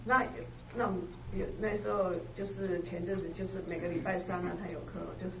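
A woman student sharing a personal story in class, halting and soft-spoken. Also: lowish voice, fairly even intonation. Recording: roomy, distant, lo-fi with noise.

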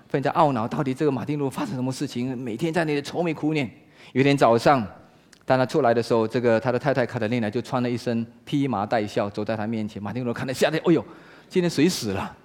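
A man preaching a sermon in Mandarin, asking rhetorical questions and swinging between loud exclaiming and hushed talk. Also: medium pitch. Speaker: pastor.

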